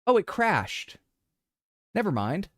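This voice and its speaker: A man's voice: high-pitched, sing-song, slow pace, fairly bright tone, no room sound, studio quality. A young man streaming a game, chatting playfully with his viewers. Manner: playful, chatty, addresses chat. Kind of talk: casual live-stream commentary.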